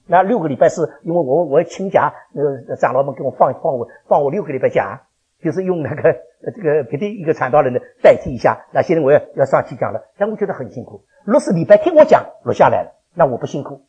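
An older man preaching a sermon to his congregation as their pastor, animated and chuckling as he fires questions at the listeners. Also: a little high, fast, husky, muffled recording. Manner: animated, quizzes the congregation with questions, laughs often. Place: church.

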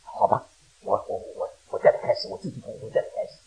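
An older man preaching a sermon with personal testimony. He talks in a husky voice, swinging from loud, emphatic questions down to low, quiet storytelling. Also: fast, rough recording. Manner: animated, rising to loud emphatic questions then dropping low.

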